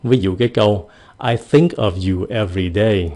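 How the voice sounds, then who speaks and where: A man giving a casual video lesson on pronunciation, repeating example words slowly and exaggerating the sounds. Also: fairly low pitch, mellow. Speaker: English pronunciation teacher.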